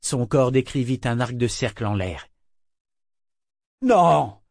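A man narrates a novel in a measured, steady reading voice. His pitch sits in the middle range for a man. The recording is dry and close, with no room echo. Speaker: audiobook narrator.

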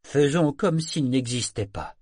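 A man voicing a gruff male sailor with a husky voice in a storybook reading, coaxing and bluffly forceful. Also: mid-range voice, lively intonation, measured pace, dry recording, studio quality, voice pushed up. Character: burly male sailor, gruff and falsely cheerful. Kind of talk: audiobook character reading.

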